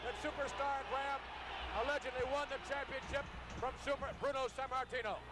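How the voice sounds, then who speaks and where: A male commentator calls a wrestling match live. His voice is pitched very high, with emphatic, formal, repeated short phrases. Loud arena noise fills the old television broadcast. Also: little pitch movement, fairly quick. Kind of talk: live play-by-play sports commentary. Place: large indoor arena. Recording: very noisy vintage television broadcast.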